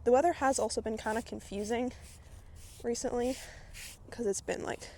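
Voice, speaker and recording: Outdoors at a barn, a woman vlogs as she grooms her horse, her voice fairly high and darkish with a little hiss or hum in the background. She moves at a moderate pace, chatting in a rambling, filler-heavy way and sounding out of breath.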